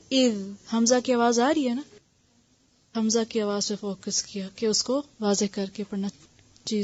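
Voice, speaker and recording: A woman teaching Quran recitation and tajweed, patiently explaining each point and demonstrating letter sounds slowly, often checking that listeners follow. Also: on the high side, a little mellow, dry recording. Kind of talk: tajweed lesson with translation. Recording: dull dry lo-fi recording.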